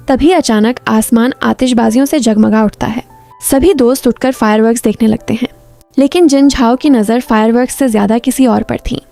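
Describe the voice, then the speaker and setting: Higher, mellow-voiced woman narrating a story. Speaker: drama recap narrator.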